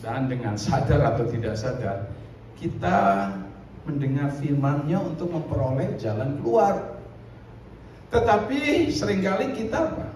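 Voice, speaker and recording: A man preaching a sermon in a lively, conversational way with frequent asides to the congregation. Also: fairly high pitch, unhurried. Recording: echoey room, distant mic, faint noise.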